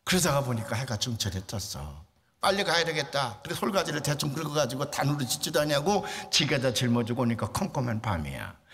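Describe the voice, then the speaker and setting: A man, a pastor, preaching a sermon in an emotional storytelling way with shouted outbursts. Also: mid-range voice.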